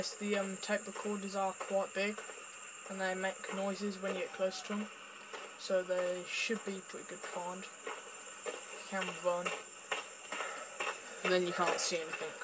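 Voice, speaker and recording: A man's voice: sits high, flat delivery, measured pace, pauses often, very noisy. A man giving casual, hesitant commentary while playing a video game, with lots of fillers. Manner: hesitant, filler-heavy talk. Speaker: gamer.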